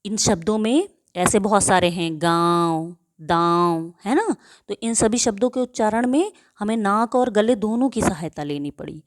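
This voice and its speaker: A woman's voice: mid-range voice, dry recording. A woman teaching a grade-school grammar lesson who asks her own questions and answers them, and drawls out example words to show how they sound.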